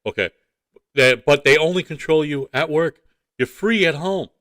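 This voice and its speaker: A man's voice: fairly high pitch, moderate pace, fairly bright tone, no room sound, clean studio sound. Blunt, rambling man. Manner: blunt, rambling, repeats himself. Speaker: morning show co-host. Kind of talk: casual opinionated radio-show banter.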